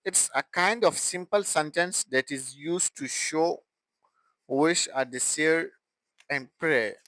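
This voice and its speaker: Slow, deliberate male English teacher. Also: fairly high pitch, pushed and bright, dry recording, rough recording. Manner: slow, deliberate explaining with repeated example sentences. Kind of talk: grammar lesson.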